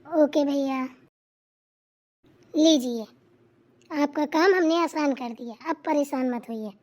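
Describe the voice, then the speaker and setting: A woman's voice: sits high, darkish tone. A woman voicing a bossy, meddling young sister-in-law in a cartoon, giving orders and advice. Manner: quick, bossy, advising. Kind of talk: cartoon voice acting.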